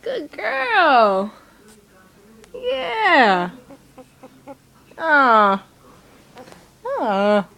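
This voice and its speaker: A woman's voice: high voice, big pitch swings, extremely slow, gravelly, long pauses, sharp tone. A woman making a casual home video, coaxing her pet along in baby talk and swearing now and then. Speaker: pet owner.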